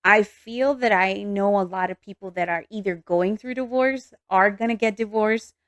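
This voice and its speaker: A woman in her thirties co-hosting a casual chat, talkative and agreeable, quick to laugh. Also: medium pitch, a bit bright, no room sound, studio quality. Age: 30s. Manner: chatty, agreeing often, laughing easily. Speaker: podcast co-host.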